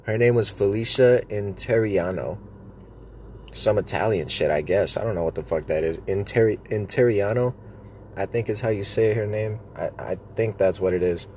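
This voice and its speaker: Guy w a kinda low voice rambling stories with a dip of chewing tobacco in his mouth, swears a lot, some noise behind him. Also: normal speed, darkish tone. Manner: frequent casual swearing, joking. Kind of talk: casual rambling storytelling.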